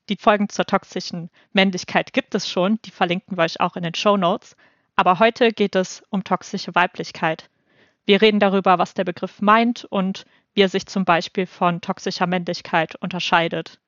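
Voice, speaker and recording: A woman of twenty-eight from North Rhine-Westphalia, co-hosting a podcast and explaining things in a measured way. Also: fairly low pitch, a bit bright, dry recording, dull audio. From North Rhine-Westphalia, Germany. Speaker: podcast co-host. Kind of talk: scripted podcast discussion.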